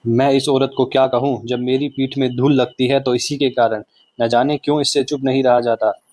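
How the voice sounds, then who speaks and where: A man voicing a calm, restrained farmer who firmly scolds, in a storybook reading. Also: mid-range voice, normal speed, no echo, lightly acted. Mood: stern. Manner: firm, scolding.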